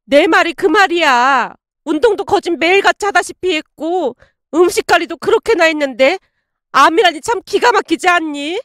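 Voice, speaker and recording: A woman voicing a tearful middle-aged woman who is the mother's friend, talking slowly in a high, sobbing voice. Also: animated, a bit bright, no echo, studio quality.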